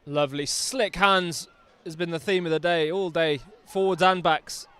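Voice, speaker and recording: A man's voice: fairly high pitch, steady tone, moderate pace, pushed and bright, smooth. A man doing live rugby commentary outdoors, chatty and enthusiastic with jokey asides.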